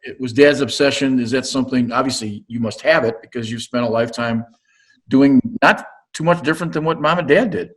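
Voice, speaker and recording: A man's voice: mid-range voice, a little fast. A man hosting an interview, asking loose, rambling questions with frequent restarts. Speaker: host.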